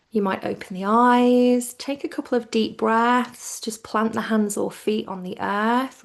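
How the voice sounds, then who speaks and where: Leading yoga nidra, a woman with a gravelly voice on the high side talks in a calm, hushed way. Her phrases trail off toward a whisper as she guides the relaxation.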